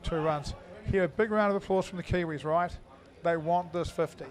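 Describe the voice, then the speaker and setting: A rather high-voiced man calling an indoor cricket match live. He talks in a loose, chatty way with plenty of fillers and sudden loud shout-outs to viewers. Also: normal speed, faint music behind. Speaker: cricket commentator. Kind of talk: live sports commentary.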